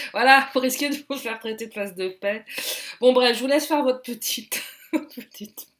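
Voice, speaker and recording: A woman's voice: a little high, normal speed, a bit bright. A woman doing casual card and pendulum readings. She talks in a jokey, rambling way and often laughs at her own asides. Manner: loose and rambling, with many fillers. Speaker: intuitive card and pendulum reader. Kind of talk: casual chatty guidance video.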